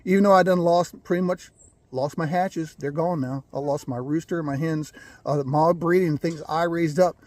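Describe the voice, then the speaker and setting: A man telling a rambling, folksy story about his birds, clearing his throat now and then. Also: a little high, steady tone, normal speed, a little mellow, no echo. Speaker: gamefowl breeder. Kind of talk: casual storytelling.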